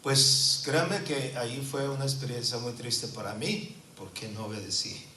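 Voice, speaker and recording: A pastor in his fifties preaches earnestly, often adding tag questions, his bright, forceful voice ringing out. He sounds set back from the microphone in an echoey church, with faint noise underneath. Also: mid-range voice, expressive, moderate pace, distant mic. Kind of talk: sermon with personal testimony.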